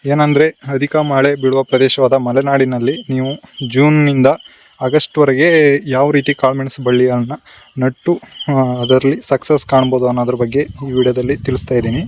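A man's voice: medium pitch, flat delivery, normal speed, darkish tone, slight background noise. A man from Karnataka hosting a farming channel, talking loosely through plantation tips with fillers and restarts, outdoors on a plantation. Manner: unscripted, many fillers and restarts. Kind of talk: casual farming how-to talk.

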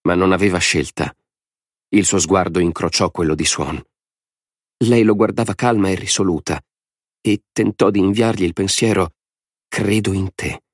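A man narrating an audiobook in a dramatic, expressive storytelling style. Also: low-pitched, normal speed, dry recording, clean studio sound.

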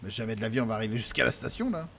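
Lively excitable man in game role-play. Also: medium pitch, very fast, vocal fry, slight background noise. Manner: excitable, panicky, swears a lot. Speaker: streamer role-playing a character. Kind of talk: in-character role-play chat in a driving game.

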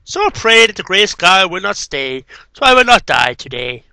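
A man in his thirties reads poetry as an amateur, tossing in casual asides, speaking into a headset mic in a small, cluttered bedroom. He makes videos, and his voice is high-pitched, very animated, gravelly and sharp, at a normal speed with no echo.

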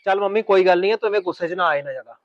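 Rapid-talking man, soothing tone. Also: high-pitched. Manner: soothing, placating. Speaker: son in a family drama. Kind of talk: amateur family drama acting. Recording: dull lo-fi recording.

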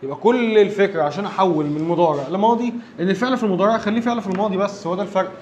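A man's voice: high-pitched, very fast, a little mellow, dull audio, slight background noise. A man with an Egyptian Arabic accent teaching an English grammar lesson, explaining step by step and often checking that his listeners follow.

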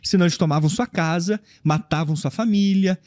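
Podcast guest, thirties man, high voice, dry close sound, emphatic explainer. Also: fairly quick, darkish tone, no echo. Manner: emphatic, explains with broad hand gestures. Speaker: history guest. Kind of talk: casual podcast conversation. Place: studio room with bookshelves. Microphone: podcast mic on boom arm.

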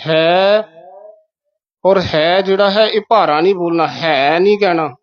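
Male recitation teacher, fairly high voice, repeats words slowly, muffled lo-fi sound. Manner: methodical, repeats words syllable by syllable. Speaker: Gurbani pronunciation teacher. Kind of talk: explaining correct recitation of scripture.

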